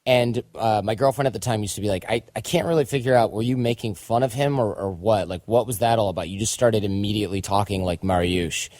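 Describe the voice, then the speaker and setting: A man with a slightly low, dry voice hosts a podcast interview. He talks in a loose, chatty way, tossing in joking asides between his questions. The mic is close and dry. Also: fast, few pauses, darkish tone, dry recording. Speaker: podcast host.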